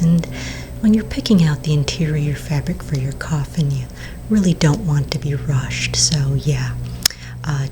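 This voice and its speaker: A woman roleplays a courteous vampire real estate agent for ASMR, lightly acted in a low-pitched, mostly whispered, soft-spoken voice. She is polite, unhurried and attentive, against a noisy background.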